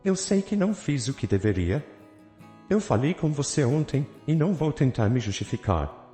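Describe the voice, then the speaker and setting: A man voicing a remorseful young husband who speaks quietly and hesitantly. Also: medium pitch, very animated, moderate pace, lightly acted. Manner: hesitant, apologetic. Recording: roomy reverb with soft guitar music.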